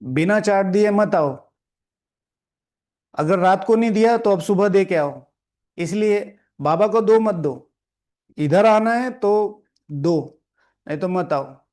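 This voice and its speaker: This high-pitched, slightly mellow male voice is animated yet slow, with frequent pauses. He teaches a spiritual class in a meditation hall, reading and explaining the lesson to a seated live audience, scolding, repeating lines and asking the room questions, often adding "theek hai" to check in.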